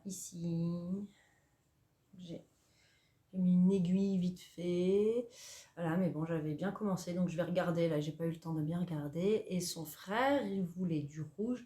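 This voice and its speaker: Chatty woman in an echoey room. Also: lowish voice. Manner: chatty, animated, self-mocking with filler hesitations. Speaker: knitting and sewing podcaster. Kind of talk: casual chatty craft vlog. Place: at home, indoors.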